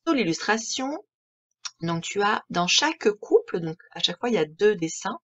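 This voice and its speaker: A woman with a French accent, teaching a reading lesson to young children in a slow, clear, patient way that spells out each word. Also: mid-range voice, muffled recording. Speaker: primary school teacher.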